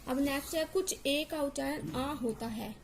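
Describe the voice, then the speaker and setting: A woman's voice: sits high, normal speed, a little hiss or hum. A woman teacher explaining English pronunciation, repeating words and spelling out letters to drill each sound.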